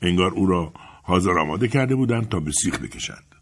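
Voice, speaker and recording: Male audiobook narrator, husky and lowish, measured pacing. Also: very animated. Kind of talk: scripted narration.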